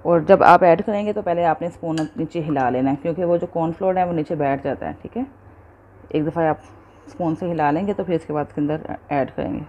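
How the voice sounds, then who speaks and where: A woman walks viewers through a recipe in a home kitchen, her voice low and mellow. She is patient, explains every step and keeps checking in with her audience. A faint hiss of noise sits under the recording. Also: brisk, lo-fi sound. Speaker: cooking show host. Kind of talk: step-by-step cooking instruction.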